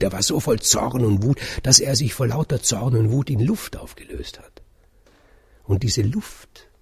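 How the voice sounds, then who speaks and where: A man telling a fairy tale aloud in a calm, measured way, dropping at times to a soft whisper. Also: low-pitched, vocal fry, breathy edge. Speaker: storyteller. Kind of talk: oral fairy-tale storytelling.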